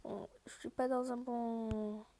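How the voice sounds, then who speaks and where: A woman's voice: a little high, level tone, slow, mellow, slight background noise. A woman giving a casual gameplay walkthrough, explaining each step directly to her viewers. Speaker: gaming video host.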